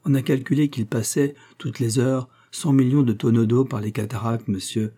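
A man's voice: mid-range voice, fairly even intonation, normal speed, mellow, husky, close to an everyday voice. A man voicing a cheerful, talkative young French newlywed in an audiobook, chatty and enthusiastic.

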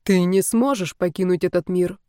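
A woman reading the part of a young male emperor who is smug and controlling, with a calm, measured delivery. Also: fairly low pitch, no room sound, studio quality, lightly acted. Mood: cold assured.

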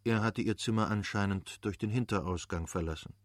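A man reading a classic novel aloud as an audiobook narrator, measured and steady. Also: lowish voice, no echo, clean studio sound. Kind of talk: scripted literary narration.

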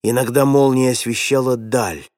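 A man narrating a classic story in a measured, dramatic way. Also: medium pitch, fairly even intonation, darkish tone, no room sound, clean studio sound. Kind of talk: audiobook reading of a classic story.

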